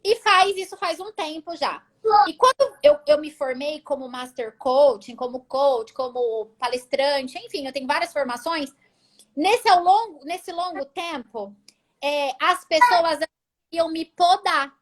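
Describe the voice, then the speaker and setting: A woman with a Brazilian Portuguese accent giving a faith testimony in an animated, expressive way. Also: high-pitched, measured pace.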